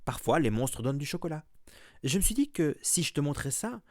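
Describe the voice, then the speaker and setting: A man voicing an eleven-year-old boy wizard who talks quickly and earnestly. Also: a little high, very animated, a little mellow, no echo, clean studio sound, voice pushed up.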